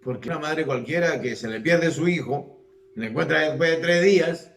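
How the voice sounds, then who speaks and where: A man's voice: on the high side, normal speed, reverberant. A man preaching a sermon with rhetorical questions, acting out the people he talks about. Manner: animated, acts out voices, rhetorical questions.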